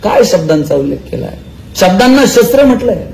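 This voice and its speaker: High-voiced man telling funny stories. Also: big pitch swings, vocal fry, darkish tone, a little hiss or hum, rough recording. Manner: humorous anecdotes, slow sung recitation of verses. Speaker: motivational speaker. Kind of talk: storytelling speech with chanted verses.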